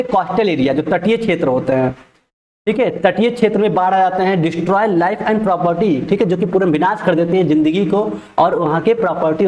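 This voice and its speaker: A male teacher giving an exam-prep lecture who explains each point twice and reads English definitions slowly. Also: high-pitched, darkish tone, echoey room.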